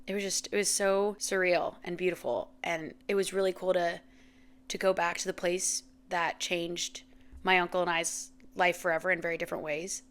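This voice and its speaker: A woman's voice: fairly low pitch, little pitch movement, normal speed, a bit bright, clean tone. A woman in her thirties hosting a faith podcast, speaking earnestly and from the heart, often emotional, with lots of "like" and "you know". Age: 30s. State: emotional, near tears. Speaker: podcast host. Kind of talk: reflective faith podcast monologue.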